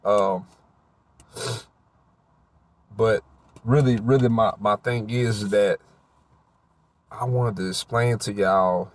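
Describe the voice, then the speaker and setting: Teary man giving halting testimony. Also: lowish voice, fairly even intonation, no room sound. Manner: halting, rambling, searching for words. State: teary, voice slightly mushy. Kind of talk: emotional spoken testimony to camera. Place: outdoors, park by the roadside.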